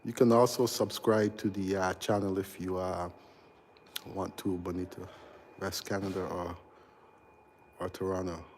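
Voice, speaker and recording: Walking through a big house still under construction, a Barbadian electrical contractor in his forties hosts a relaxed live stream, answering viewers in a halting, chatty manner full of ums and uhs. His voice is low and his delivery flat, with slight noise in the background.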